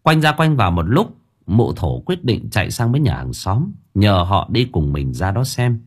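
A man's voice: fairly low pitch, big pitch swings, normal speed, breathy edge. A man narrating an audiobook story in a dramatic storytelling manner.

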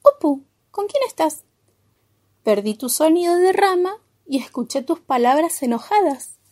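A woman voicing a kind, calm friend character who speaks gently and soothingly, with an Argentine accent. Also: sits high, measured pace.

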